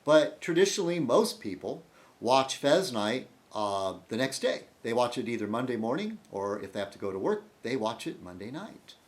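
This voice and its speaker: A man hosts a casual video blog, rambling through a monologue in a medium-pitched, very animated voice at normal speed. He keeps breaking off mid-sentence to respond to his commenters.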